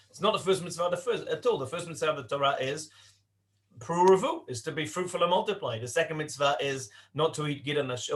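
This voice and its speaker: A man raised in Britain teaching a Torah class to young adults in a conversational way, asking rhetorical questions and slowing down to stress points. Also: on the high side, fairly bright tone. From Britain (born in Leicester, raised in Cardiff).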